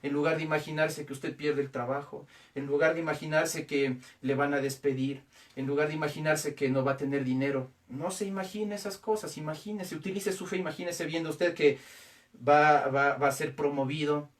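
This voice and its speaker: A man preaching a sermon as pastor, with emphatic repetition and pauses. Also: fairly high pitch, fairly even intonation, distant mic. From Ecuador.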